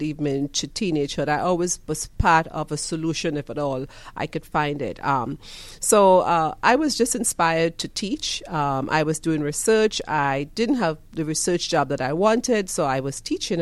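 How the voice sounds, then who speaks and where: Woman, Trinidadian accent, fifties, earnest and reflective, pauses with ums, slightly low voice, dry close sound. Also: no echo. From Trinidad and Tobago. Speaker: college president, guest. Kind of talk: radio interview answers.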